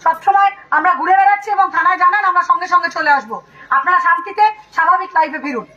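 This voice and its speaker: A woman's voice: very high-pitched, fast, pushed and bright, muffled recording. A woman making a police announcement through a megaphone, pleading with people and reassuring them. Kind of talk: public announcement.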